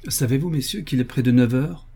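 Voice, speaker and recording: A man's voice: medium pitch, a little fast, gravelly, warm tone, breathy edge. A man reading aloud voices a polite landlady who wakes her lodgers. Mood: courteous. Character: landlady waking lodgers, older woman, prim.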